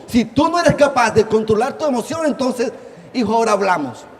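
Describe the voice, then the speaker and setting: A man's voice: extremely high pitch, expressive, a little fast. A man giving a motivational talk to parents, earnest and speaking straight to his audience. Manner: earnest, addresses audience directly, acts out quoted voices. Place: conference venue. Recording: roomy hall with faint noise.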